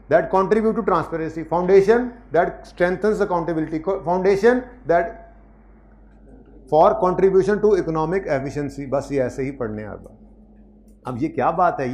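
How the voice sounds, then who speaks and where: A man lectures a room full of students in a slightly raised, higher-pitched voice. He is strict, scolds latecomers and repeats key points. He reads textbook definitions out slowly, one word at a time. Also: darkish tone. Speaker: accounting teacher. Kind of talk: live classroom lecture. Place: classroom with students present.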